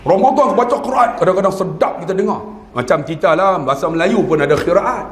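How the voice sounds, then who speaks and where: A man's voice: sits high, expressive, brisk, slight background noise. A man in his fifties with a northern Malaysian Malay accent, giving a humorous religious lecture that quizzes the audience and mimics regional dialects. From northern Peninsular Malaysia. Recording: echoey hall.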